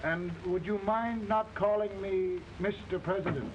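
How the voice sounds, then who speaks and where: An actor in an early talkie film playing a humble, anxious middle-aged American president with hesitant speech. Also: male voice, sits high. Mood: gentle. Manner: hesitant, halting, repeats words. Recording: dull, noisy 1930 film soundtrack.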